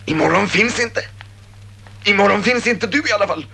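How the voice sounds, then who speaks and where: Brief: actor as a despairing young war veteran, radio drama, bright gravelly voice. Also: male voice, high voice, heavily acted. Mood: agitated. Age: 20s. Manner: weary, hopeless, pleading. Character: weary despairing young male soldier back from war. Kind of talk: radio play acting.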